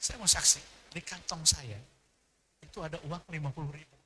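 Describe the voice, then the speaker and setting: Male preacher, high-pitched and piercingly bright, animated storyteller. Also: normal speed, slight background noise. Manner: animated storytelling, mixing in Sundanese dialogue and acting out people in his stories. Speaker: pastor. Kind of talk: sermon.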